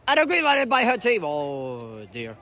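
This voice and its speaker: Excitable man commentating youth soccer. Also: high voice, normal speed. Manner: excitable, groaning and shouting at plays. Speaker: amateur commentator.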